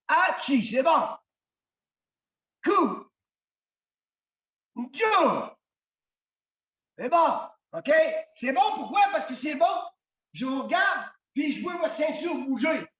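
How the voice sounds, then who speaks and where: Québécois man, karate instructor, high slow shouted commands, far off in echoey dojo. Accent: Québécois French. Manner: calls counts in Japanese, loud commanding, explains between drills. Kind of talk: shouted martial arts class instruction. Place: large dojo hall. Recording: echoey hall, from far off, dull.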